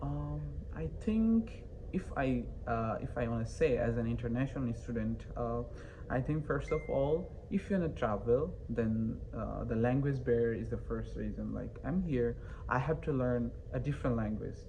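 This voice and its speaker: Hesitant young man, quiet hiss behind. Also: medium pitch, normal speed. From Bangladesh. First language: not English. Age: young adult. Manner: hesitant, many fillers and restarts. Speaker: interview guest, university student. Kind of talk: casual interview answers.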